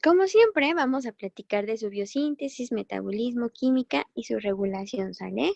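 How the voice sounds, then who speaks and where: A woman's voice: fairly high pitch, animated, moderate pace, vocal fry, a little mellow, dry recording, highs cut off. A woman teaching a biochemistry lesson in a chatty, encouraging way, often correcting herself as she goes. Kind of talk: recorded online class.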